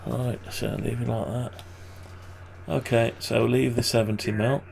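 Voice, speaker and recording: A man with a groggy, gravelly morning voice and vocal fry endings, giving casual, hesitant think-aloud commentary on his screen work. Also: medium pitch, flat delivery, unhurried, a crowd in the background. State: groggy morning voice, clearing throat. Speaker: maker narrating a design tutorial.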